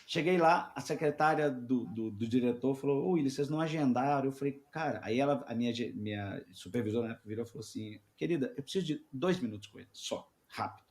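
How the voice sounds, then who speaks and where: A middle-aged man, a sales mentor and podcast guest, telling a work story in lively casual conversation and acting out the people he quotes. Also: mid-range voice, fast talker, hardly any pauses, a little hiss or hum.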